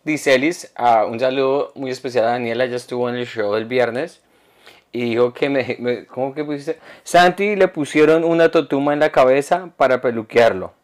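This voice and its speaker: At a moderate pace and medium pitch, a man co-hosts a laid-back comedy podcast. He's a lively storyteller who imitates others and reads comments from fans aloud.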